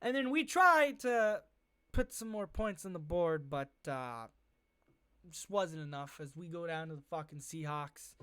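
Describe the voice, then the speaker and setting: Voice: medium pitch, lively intonation, a little slow, fairly bright tone, clear, resonant tone, no room sound. A football fan giving a casual, heavily profane and sarcastic recap over game footage, recorded close on a voice-over mic.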